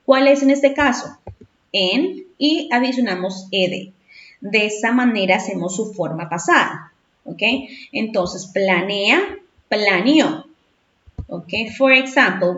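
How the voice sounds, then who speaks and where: Slow, echoey woman teaching English. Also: mid-range voice, a bit bright. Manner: patient, checks in with "¿ok?" often. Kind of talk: bilingual grammar lesson. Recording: echoey, distant, dull lo-fi sound.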